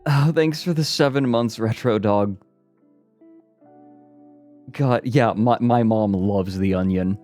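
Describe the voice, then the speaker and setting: A man co-hosts a laid-back stream, talking slowly and breaking into giggles as he reads jokes out. His throat sounds a bit worn from earlier yelling, and faint music plays quietly underneath. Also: on the low side. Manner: giggly, reads jokes aloud between laughs. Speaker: stream co-host. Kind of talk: casual stream chat. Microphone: podcasting mic.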